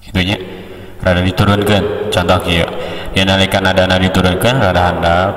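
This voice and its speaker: A man with a Sundanese accent giving a slow, unhurried, casual tutorial on how to deliver a sermon. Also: sits low, level tone, fairly bright tone, in a large hall, distant mic. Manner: slow, unhurried, with many pauses. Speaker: speech coach.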